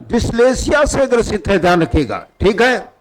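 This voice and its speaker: A man's voice: high voice, very animated, moderate pace, poor audio. A male teacher giving an exam-prep lecture with a Hindi accent, quizzing his students and repeating the key terms.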